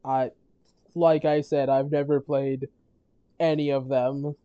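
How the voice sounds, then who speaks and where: A streamer chatting casually on a gaming stream, rambling with halting restarts and frequent laughs, their voice worn from talking all day. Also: medium pitch, flat delivery, dark tone, clear, resonant tone, dry recording, lo-fi sound. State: losing their voice.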